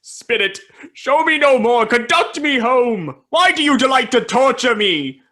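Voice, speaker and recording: An actor in a radio play voicing Ebenezer Scrooge as an anguished, defensive man who cares for money, with a husky, earnest delivery. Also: mid-range voice, animated, a little slow, pushed and bright. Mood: anguished pleading. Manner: earnest, pleading, dramatic.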